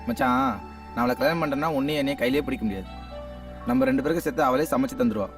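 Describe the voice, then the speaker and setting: A lovesick, pleading friend. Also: male voice, medium pitch, big pitch swings, racing, creaky. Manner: pleading, earnest. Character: lovesick young man, earnest and pleading. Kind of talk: film dialogue. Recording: distant film sound with music.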